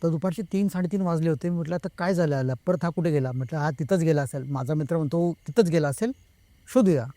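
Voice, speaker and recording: Man telling a spooky story, mellow voice. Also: on the high side, fast talker, no echo. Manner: retells the talk of others himself, slipping between Marathi and Hindi. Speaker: guest telling a true ghost story. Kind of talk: casual storytelling.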